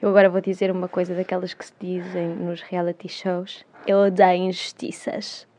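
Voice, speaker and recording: A young woman with a European Portuguese accent, co-hosting a casual chat and speaking her mind while she quickly corrects details. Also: fairly low pitch, level tone, dark tone, slight background noise. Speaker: podcast co-host.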